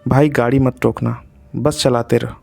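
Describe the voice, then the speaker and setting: A man's voice: mid-range voice, fairly even intonation, moderate pace, vocal fry, a little mellow, no room sound, natural voice. A man voicing a frightened young man on a night drive, tense and urgent. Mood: scared. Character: frightened young man, one of four friends.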